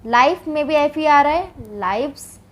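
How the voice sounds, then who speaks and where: An Indian woman's high, animated voice moves at a measured pace as she teaches English grammar in a classroom. She breaks the explanation into steps, answers her own questions, and keeps asking "ठीक है" as a check-in.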